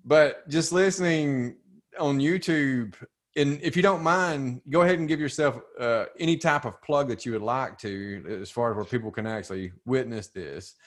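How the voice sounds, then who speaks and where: A man's voice: mid-range voice, moderate pace. A man in his forties hosting a podcast, asking questions in an easygoing, joking way. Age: 40s. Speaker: podcast host. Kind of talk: casual podcast interview.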